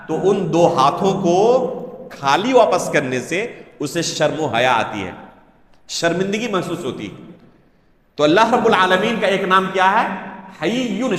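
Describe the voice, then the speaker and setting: A man teaching a religious lecture in Urdu. He recites Arabic slowly, then explains it, asking questions and answering them himself. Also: high-pitched, fairly bright tone. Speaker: Islamic scholar teaching a book. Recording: echoey hall.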